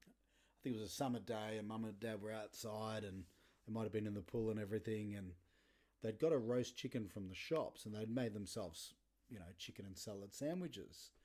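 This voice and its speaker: A man's voice: lowish voice, a little fast, mellow. A man in his thirties hosting a podcast, telling blunt, sweary stories casually and laughing often. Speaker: podcast host. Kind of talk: casual storytelling monologue.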